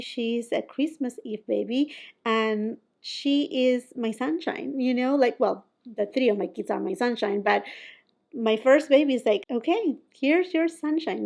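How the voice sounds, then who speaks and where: A woman's voice: fairly high pitch, gravelly, a little mellow. A woman from Peru, chatting casually to camera as a beauty vlogger, often laughing and quoting herself.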